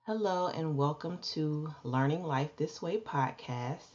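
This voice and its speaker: A woman hosts a podcast, welcoming and interviewing a guest in a casual, friendly, upbeat chat. Her voice is low-pitched, a little slow and darkish, and the podcast audio sounds dull and lo-fi.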